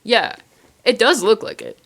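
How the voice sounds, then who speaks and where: A woman's voice: fairly high pitch, wildly swooping pitch, a little slow, gravelly, fairly bright tone. A young woman hosting a casual interview chat, with a playful, mock-formal, dryly joking way of talking. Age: young adult. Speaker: host.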